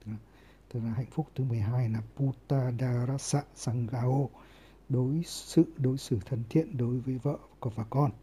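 Husky, very dark-voiced male monk teacher. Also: medium pitch, steady tone. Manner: unhurried, many filler pauses, carefully sounds out foreign terms. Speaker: Buddhist monk teaching Pali. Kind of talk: word-by-word scripture lesson.

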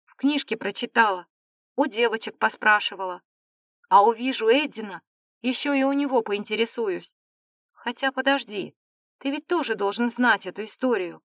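A woman's voice: fairly high pitch, moderate pace, a bit bright, no echo, studio quality. A woman voicing a stubborn, demanding young noblewoman in an audiobook, with firm, insistent delivery. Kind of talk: audiobook character reading.

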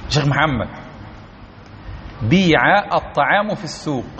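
A man's voice: on the high side, animated, normal speed, fairly bright tone, slight background noise. Man teaching a grammar class. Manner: explains step by step, repeats key words, keeps checking the class understands. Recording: dull lo-fi recording.

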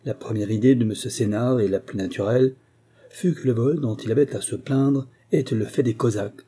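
A man reading a first-person memoir aloud, in measured, even storytelling. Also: mid-range voice, husky. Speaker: audiobook narrator. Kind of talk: scripted narration.

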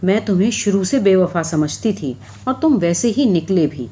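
A woman's voice: medium pitch, lively intonation, mellow, lo-fi sound, lightly acted. A woman reading aloud, voicing a hurt young woman who speaks bitterly and reproachfully to a former lover.

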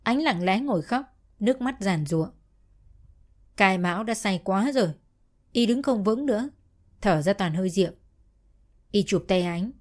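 A woman narrating a dramatic story in an expressive storytelling voice. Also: medium pitch.

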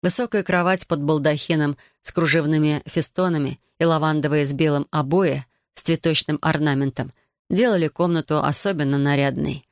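A woman reading a first-person novel aloud as an audiobook narrator, in a measured, even storytelling manner. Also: low voice, dry recording, studio quality.

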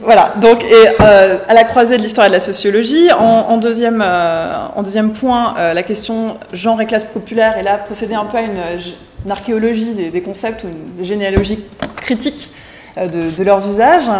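A woman of middle pitch opens an academic seminar, stumbling through fillers and repeated words as she lays out her plan. She raises her voice so someone joining from afar can follow. The room gives her speech a clear echo. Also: a little hiss or hum. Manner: hesitant, many fillers and restarts; speaking loudly for a remote listener. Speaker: seminar presenter.

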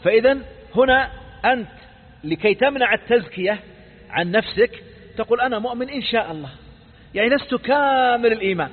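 Man, sheikh teaching a creed lesson, high voice, quick questions to the class, tinny phone-like sound, long hall reverb. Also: animated, slightly rough. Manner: repeats phrases with false starts. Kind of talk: recorded religious lesson.

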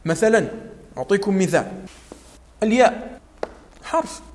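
Animated man teaching in a hall. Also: sits high, moderate pace. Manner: animated, mixes formal Arabic with dialect, demonstrates recitation, quizzes students. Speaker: Quran recitation teacher. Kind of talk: classroom lecture on tajweed rules.

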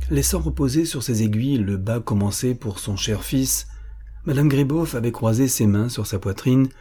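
Dark husky male storyteller. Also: lowish voice. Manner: steady, measured reading. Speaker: audiobook narrator. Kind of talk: scripted narration of a classic novel.

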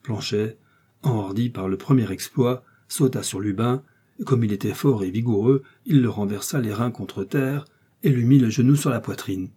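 A man narrating a classic novel as an audiobook in a steady, even way. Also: mid-range voice, normal speed, breathy edge. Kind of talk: scripted narration.

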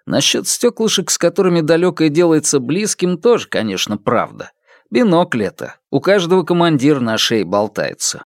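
A man reading a literary novel aloud as an audiobook narrator, in an expressive manner. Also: fairly high pitch, normal speed, no room sound, clean studio sound.

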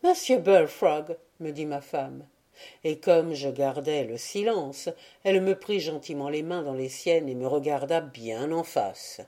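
A woman narrating a classic tale for an audiobook in a measured, expressive reading. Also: low voice. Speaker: audiobook reader.

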